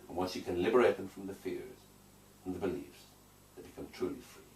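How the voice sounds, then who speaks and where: A man working as a hypnotherapist, answering interview questions in an emphatic, declarative way and repeating phrases for weight. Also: deep voice. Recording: echoey room, distant mic, faint noise.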